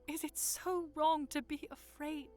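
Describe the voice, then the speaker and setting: A woman's voice: sits high, steady tone, measured pace, a little mellow, soft background music. A woman playing an anxious young princess in an audio drama, self-doubting yet earnest and emotional. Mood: vulnerable.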